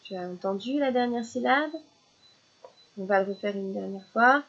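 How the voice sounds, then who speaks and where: A woman teaching young children syllables in a slow, patient lesson, repeating each word clearly. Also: medium pitch, a bit bright, muffled recording.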